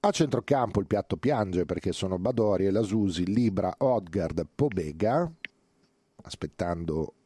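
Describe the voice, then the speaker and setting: A man with a low, dark voice hosts a casual sports talk show on the radio, rambling and filling pauses as he goes. The sound is dry and close, with no room around it. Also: lively intonation, slightly rough, dry recording. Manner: chatty, digressive, frequent hesitations and fillers. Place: radio studio.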